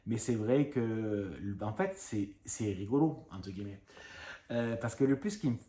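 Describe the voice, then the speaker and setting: Brief: French male YouTuber in his thirties, lowish voice, rapid rambling delivery, roomy phone recording. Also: mellow. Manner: fast-talking, rambling with many fillers. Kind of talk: casual vlog rant.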